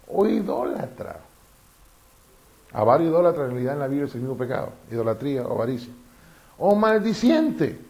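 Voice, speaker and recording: A man preaching a sermon, often asking the congregation questions. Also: mid-range voice. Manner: animated, asks the congregation questions.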